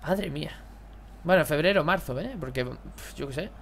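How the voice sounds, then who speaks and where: A young man, excitably commentating his own football video game match for viewers. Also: on the high side, normal speed, creaky. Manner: excitable, exclaiming, chatty. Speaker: gaming youtuber. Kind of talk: live gameplay commentary.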